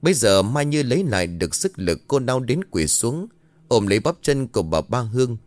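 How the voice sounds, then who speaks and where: A man narrating a ghost story in a slow, dramatic scripted style. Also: mid-range voice, very animated, a little mellow, no echo.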